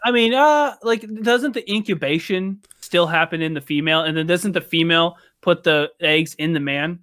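A high-pitched man talks loosely and casually, swearing now and then and filling pauses with "um" and "uh." The recording is dry and close, with no room sound. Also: fairly bright tone, no echo. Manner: rambling, filler-heavy, swears casually. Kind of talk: casual chat.

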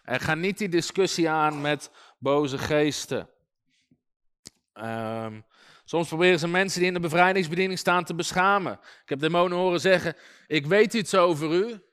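A man giving an informal sermon on deliverance. He talks in a lively, humorous way, full of anecdotes and chuckles. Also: on the high side, moderate pace, clean tone. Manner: lively and humorous, often chuckling and using fillers like "weet je". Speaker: preacher teaching on deliverance.

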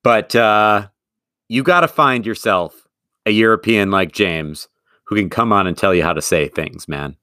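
A man's voice: on the low side, a little slow, bright, forceful tone, no echo, studio quality. A man hosting a casual podcast, bantering and teasing his guest. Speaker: podcast host.

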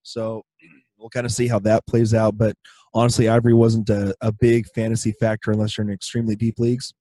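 A hoarse man who has partly lost his voice, hosting a casual solo sports podcast in a halting way, often clearing his throat. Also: on the low side, completely flat delivery, dark tone, dry recording, poor audio. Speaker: podcast host.

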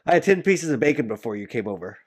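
Lively, expressive man telling stories. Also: medium pitch, husky. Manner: animated storytelling with laughs. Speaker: podcast co-host. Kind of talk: casual podcast chat.

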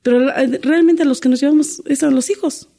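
Gravelly-voiced woman telling her story. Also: high-pitched, brisk, warm tone. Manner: earnest, storytelling with many restarts. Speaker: guest, domestic worker. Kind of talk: candid interview conversation.

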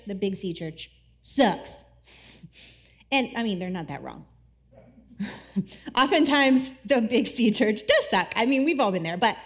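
A woman in her thirties giving a casual, playful sermon with laughing asides and a scripture reading. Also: fairly high pitch. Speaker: pastor.

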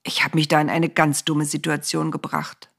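A woman's voice: deep voice, monotone, moderate pace, gravelly, fairly bright tone, slightly rough, full character voice. A woman voicing a moody, easily angered male God in a storybook reading, roaring and whining by turns. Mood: grumbling.

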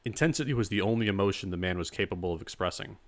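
A man narrating a dark crime story in a measured, even storytelling manner. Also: low voice. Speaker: audiobook narrator. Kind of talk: scripted narration.

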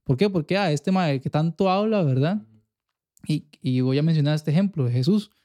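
A man's voice: a little high, expressive, normal speed, mellow. A young man with a Costa Rican accent, talking earnestly in a casual faith podcast and often checking whether the listener follows him. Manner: earnest, keeps checking in with "you get me?". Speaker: podcast co-host.

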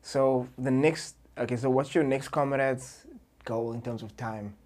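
A man's voice: medium pitch, fairly even intonation, measured pace, a little mellow. A man with a South African accent hosting a casual interview, colloquial, dropping in short questions and echoes. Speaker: podcast host.

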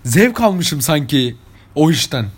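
A man's voice: fairly high pitch, sing-song, takes it slowly, husky. A young man from İzmir with an İzmir Turkish accent, telling anecdotes to his viewers in a chatty, casual way. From İzmir, Turkey. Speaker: vlogger. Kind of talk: casual storytelling monologue.

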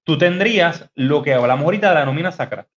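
A man with a somewhat high voice explains things in a relaxed, halting way, full of "eh" and restarts. The sound is dull and lo-fi, like a video call. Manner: hesitant, many fillers and restarts, laughs easily. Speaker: podcast host teaching biblical Greek. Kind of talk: casual teaching chat on a podcast.

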